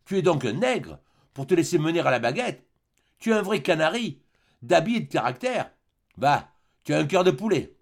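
A man's voice: a little high, very animated, moderate pace, vocal fry, pitched above the performer's own voice, heavily acted. A man reading an audiobook, voicing a wild, mocking young woman in a raised voice. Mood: scornful. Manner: mocking, playful.

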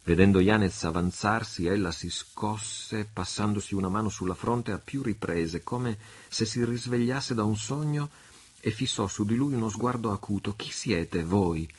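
Deep, husky male narrator. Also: normal speed. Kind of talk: literary audiobook narration.

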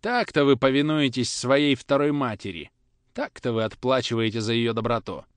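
A man's voice: mid-range voice, lively intonation, moderate pace, a little mellow, no room sound, natural voice. Man doing a theatrical French tutor. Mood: reproachful. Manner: tragic, reproachful.

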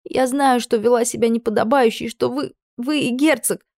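An emotional young lady-in-waiting, impudent one moment and pleading the next, as a woman reads her in an audiobook. Her voice sits high and bright above the narration and spills out in breathless bursts. The recording is dry and close. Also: fairly quick, no room sound, lightly acted.

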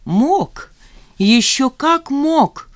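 A woman reading an audiobook voices a withdrawn young male neighbor who speaks flatly and without expression. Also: medium pitch, normal speed, no echo, clean studio sound, voice pushed up, lightly acted. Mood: gleeful, menacing. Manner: expressionless, then quietly gloating. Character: young man, withdrawn neighbor, flat and menacing.

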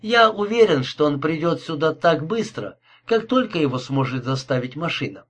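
A cold, courteous killer speaks with polite mockery, as a male reader puts him on. His voice is husky and set fairly high, and he never hurries. It is an audiobook thriller. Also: very animated, a bit bright. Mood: cold menace. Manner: politely mocking, unhurried.

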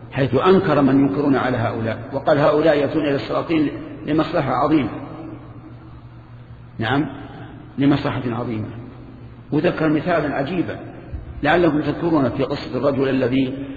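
An older man, teaching a religious lesson in a conversational way, with halting restarts and questions to his students. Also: medium pitch, a little hiss or hum. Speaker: Islamic scholar teaching a lesson. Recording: echoey hall, muffled lo-fi archive tape.

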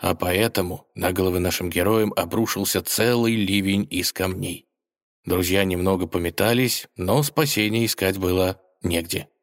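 A male narrator with a low voice reads a children's story aloud. His reading is expressive and lively, carrying the action forward. Scripted storybook narration. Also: moderate pace.

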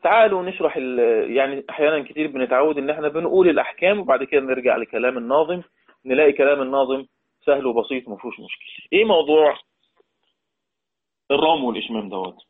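A man's voice: medium pitch, very fast, breathy edge. A man with an Egyptian Arabic accent teaching a patient lesson. He repeats key words and asks his listeners to answer him. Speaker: Quran recitation teacher. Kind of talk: explanatory lesson. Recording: tinny phone-like line.

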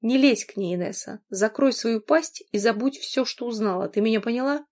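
A woman's voice: fairly high pitch, normal speed, darkish tone, natural voice. A woman reading as an enraged man, growling. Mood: threatening. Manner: growling, swearing. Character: furious wealthy man, harsh and cursing. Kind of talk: audiobook reading.

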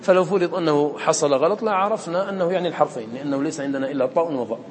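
A man with a high voice races through a recitation lesson on a poem, explaining it step by step and throwing short questions at his students. It's recorded in an echoey lecture room with faint noise.

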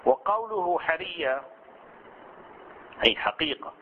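Scholar teaching, tinny old recording. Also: male voice, on the high side, lively intonation, takes it slowly. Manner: explains patiently, asks and answers his own questions; slips into colloquial Levantine Arabic asides. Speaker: Islamic scholar teaching inheritance law. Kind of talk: recorded study-circle lesson. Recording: tinny phone-like band with faint hiss.

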